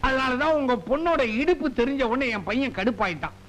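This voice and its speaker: A man's voice: extremely high pitch, lively intonation, fairly quick, a bit bright, poor audio. An actor playing a meddling, fussy comic father who lectures in a mock-solemn way in a film comedy scene.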